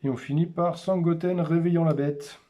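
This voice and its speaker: A man hosting a casual unboxing, naming cards one by one in short, unhurried remarks. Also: fairly high pitch, steady tone, warm tone, lo-fi sound. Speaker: host opening a card display.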